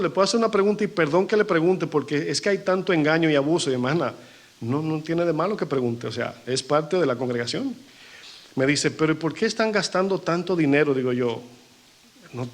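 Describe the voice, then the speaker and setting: A male pastor preaching a sermon to his congregation and acting out the people he quotes. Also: medium pitch. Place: church.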